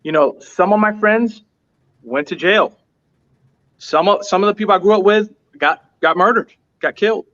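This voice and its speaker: With a high, slightly bright voice at normal speed, an American restaurant owner gives earnest motivational storytelling as an interview guest. He hammers his points through emphatic repetition, heard over muffled lo-fi audio.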